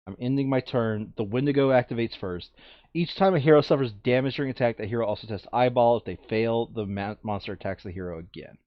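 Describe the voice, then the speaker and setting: This man's voice sits at medium pitch and moves at a quick pace while he plays a board game, chatting casually, muttering counts and thinking aloud about his moves. The recording is muffled, without any room sound.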